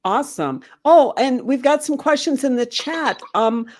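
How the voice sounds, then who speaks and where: A woman's voice: high voice, lively intonation, measured pace. A woman co-hosting a virtual cooking class over a video call, trading friendly, teasing banter with the chef and reading questions from the chat. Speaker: event host.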